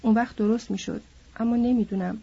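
A woman's voice: on the high side, fairly even intonation, warm tone, breathy edge, highs cut off. A woman voicing a bitter, lonely older male stable hand who needles and then broods, in an audiobook. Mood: mournful.

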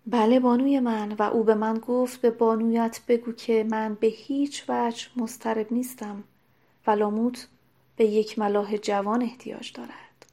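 A woman's voice: on the high side, level tone, mellow. A woman voicing a wounded, loyal young male servant who speaks faintly and with strain. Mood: weak, faint.

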